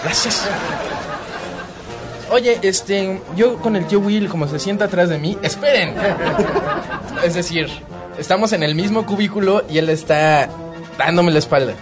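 A man's voice: high-pitched, a little slow, long pauses. A Mexican-accented man hosting a podcast in casual, slangy, foul-mouthed comic chat. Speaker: podcast host. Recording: music and crowd noise behind. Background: music and crowd.

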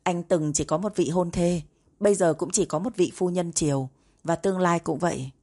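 A woman reading the lines of an aloof young male CEO, calm and terse, in a slightly husky voice. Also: on the low side, moderate pace, close to an everyday voice. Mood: detached.

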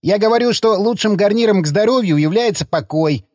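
Play this as a man voicing a brash young hothead in an audiobook, pitched well above your own voice, loud and mocking, always ready to pick a fight. Keep it dry and close to the mic. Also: animated, no room sound. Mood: indignant. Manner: loud, mocking and quick to bicker. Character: grumbling young man, brash and hot-tempered.

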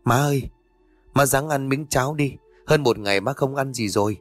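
A man voicing a gentle middle-aged woman who softly coaxes her mother-in-law in a story. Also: mid-range voice, steady tone, faint music behind, close to an everyday voice. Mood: coaxing. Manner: gentle, unhurried.

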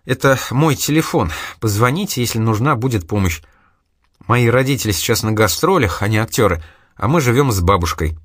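A man reading an audiobook, voicing a lively, teasing young woman who sells food on the street. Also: mid-range voice, brisk, dry recording, clean studio sound. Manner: chatty, teasing, curious.

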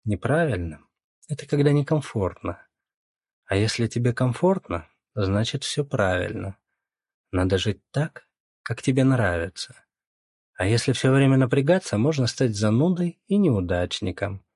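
A man's voice: medium pitch, animated, moderate pace, a little mellow, husky, no echo, studio quality. A man voicing a sly, confident young woman who talks in a cool, coaxing, lecturing way.

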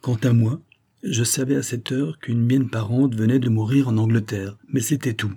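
Guy reading a novel aloud, measured storytelling, dark husky voice. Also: medium pitch, fairly even intonation. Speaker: audiobook reader. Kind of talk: scripted narration of a novel.

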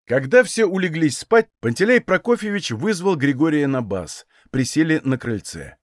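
A man reading a novel aloud as an audiobook narrator, measured storytelling. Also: a little high, very animated, dry recording, clean studio sound. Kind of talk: scripted narration.

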